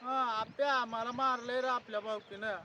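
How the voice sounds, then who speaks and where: A man's voice: extremely high pitch, fairly even intonation, normal speed, pushed and bright, slight background noise. A man in a comic phone call sketch, pleading and complaining in a tearful, whiny way.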